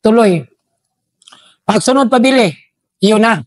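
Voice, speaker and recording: A middle-aged man tells war stories in an animated way and acts out the voices of the people he quotes. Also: sits high, a little slow, no echo. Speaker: retired army officer telling war stories. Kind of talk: storytelling, acting out dialogue.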